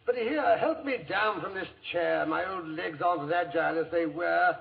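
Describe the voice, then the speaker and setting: An actor playing a genial elderly English doctor, a wordy storyteller in a 1940s radio drama. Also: male voice, sits high, normal speed, gravelly. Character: elderly English doctor reminiscing genially, Holmes's old companion. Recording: muffled, hissy 1940s radio recording.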